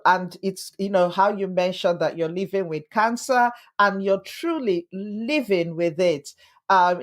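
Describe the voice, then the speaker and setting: Middle-aged woman, podcast host, warm encouraging interviewer. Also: medium pitch.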